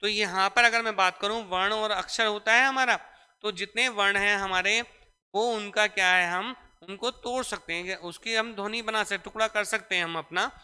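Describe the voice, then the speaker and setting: A man's voice: high voice, fairly even intonation, normal speed, pushed and bright, clean tone. A young man teaching grammar in a classroom lecture. He explains step by step, repeats key points and calls his students "beta". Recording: echoey room with long reverb.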